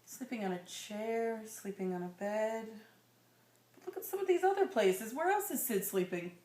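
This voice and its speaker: A warm, highish woman's voice with lively intonation reads a children's story aloud to a listener at a moderate pace. She lingers on phrases and adds conversational questions and asides, and the recording echoes as if in a large room.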